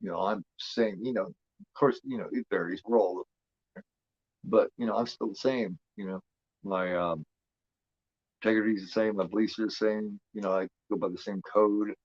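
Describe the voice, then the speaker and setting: A fifty-year-old man talks loosely as he watches along, with lots of restarts, fillers and casual swearing. His voice sits a little low. The audio is dull and muffled, and the sound is dry and close. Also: steady tone, moderate pace, darkish tone, no echo. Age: 50s. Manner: rambling, repeats himself, frequent fillers and swearing. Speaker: host.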